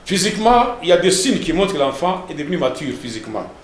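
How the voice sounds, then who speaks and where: Pastor teaching in an echoey room. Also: male voice, on the high side, sing-song, fast, slight background noise. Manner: didactic, repeats words and tags lines with "hein" and "n'est-ce pas".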